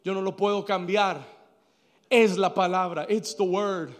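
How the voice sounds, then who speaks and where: Pastor, male, very high voice, fiery sermon in a reverberant sanctuary. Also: fairly even intonation, measured pace. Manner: preaching that swings from hushed to shouting; switches between Spanish and English phrases. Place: church sanctuary. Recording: long hall reverb.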